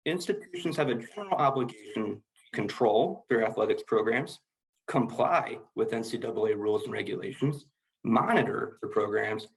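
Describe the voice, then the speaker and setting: A man's voice: medium pitch, creaky, rough recording. A man presenting a corporate training webinar, explaining slides in a formal, methodical manner.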